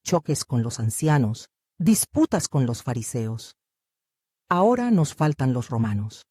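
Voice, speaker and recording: Bitter, defensive male disciple, voiced by an audiobook reader: husky, dark and dry, with a lively, swinging delivery. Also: medium pitch, a little slow, dry recording. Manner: bitter, argumentative, protesting. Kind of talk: audiobook reading.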